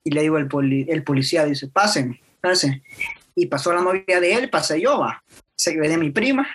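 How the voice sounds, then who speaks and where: Young Salvadoran man, rapid slangy storyteller, husky and bright. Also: a little high. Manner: slangy, rambling anecdote, constant filler "maje". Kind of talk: casual chat.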